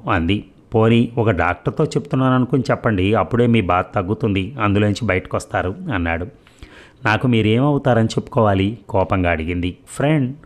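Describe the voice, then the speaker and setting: Male narrator, low-pitched, steady novel reading, slight lifts for dialogue. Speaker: audiobook narrator. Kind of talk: novel read aloud, all parts voiced.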